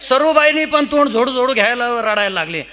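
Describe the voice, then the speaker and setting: Bright-voiced man preaching a kirtan. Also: very high voice, fairly quick. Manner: storytelling, lively, chanting verses. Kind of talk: humorous devotional kirtan sermon.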